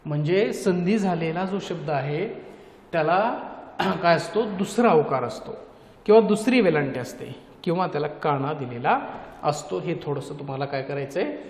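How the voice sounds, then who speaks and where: A man's voice: on the high side, moderate pace, darkish tone. A male teacher giving a grammar lesson with a Marathi accent. He asks his own questions and answers them, repeating each key point. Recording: echoey, noisy room.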